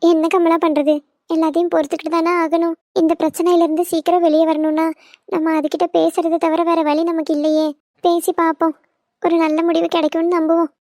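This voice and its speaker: A woman's voice: extremely high pitch, little pitch movement, fairly quick, darkish tone, a little hiss or hum. A woman voicing a bold, bossy older village woman in a cartoon. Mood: resigned. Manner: bossy, coaxing.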